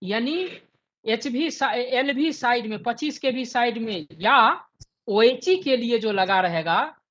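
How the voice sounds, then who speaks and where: A man's voice: very high voice, expressive, slow pace, a bit bright, lo-fi sound. A man in his fifties teaching an online class, who keeps checking with his students and repeating his points.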